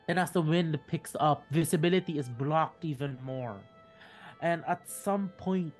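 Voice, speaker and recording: A man narrating a tabletop game as dungeon master, halting and restarting mid-sentence. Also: on the high side. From Philippines.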